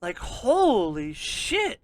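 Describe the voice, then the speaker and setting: A podcast co-host in casual chat, talking excitably and rambling with lots of swearing. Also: medium pitch, drawn-out words.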